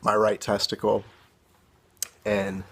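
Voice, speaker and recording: Young guy telling his story into his phone, halting and emotional, low gravelly voice. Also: monotone, fairly bright tone, slight background noise. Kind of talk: emotional personal testimony. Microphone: phone camera.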